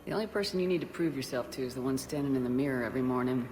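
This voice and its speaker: Commander Shepard, low-voiced steady soldier. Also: female voice, racing, slight background noise. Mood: wry. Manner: composed, direct, dry. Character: steady, wry female military commander, confident. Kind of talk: video game voice acting.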